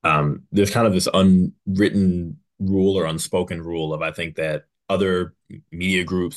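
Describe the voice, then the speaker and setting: A man with a deep voice works as a panel interviewer. He speaks conversationally and thoughtfully, taking a roundabout route as he frames his questions. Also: fairly bright tone.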